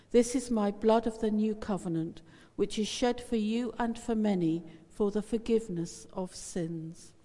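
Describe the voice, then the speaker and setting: A woman priest leads communion in a measured, solemn intoning voice, heard in a long cathedral echo. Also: medium pitch, mellow. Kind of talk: reciting a liturgical prayer. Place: large church. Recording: cavernous church reverb, distant.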